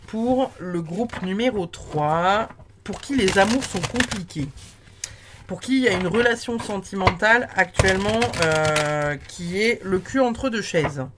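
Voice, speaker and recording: A woman giving a casual tarot reading, chatty and warm in tone, with many fillers and restarts. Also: medium pitch, very noisy. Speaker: tarot card reader.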